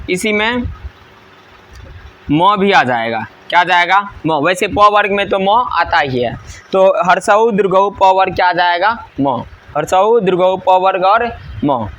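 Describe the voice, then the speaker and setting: A man's voice: high-pitched, pushed and bright. A male teacher, giving a grammar lesson that drills rules by asking and answering his own questions.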